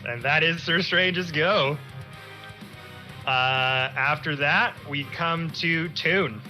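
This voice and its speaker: A man narrating a tabletop game as game master, laughing often and animated. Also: a little high, takes it slowly, soft background music, rough recording.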